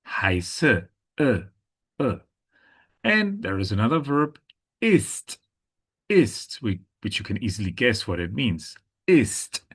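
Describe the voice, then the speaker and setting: Slow, husky male German teacher. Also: on the low side. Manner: slow, deliberate, repeats words with gestures. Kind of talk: language lesson.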